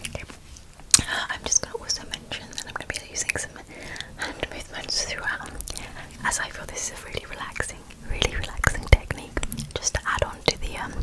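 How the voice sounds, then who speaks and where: A woman whispering softly and slowly into a close microphone, gently guiding the listener through an ASMR role-play appointment. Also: low-quality recording. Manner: soft, slow whispering, gentle and reassuring. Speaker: ASMR creator.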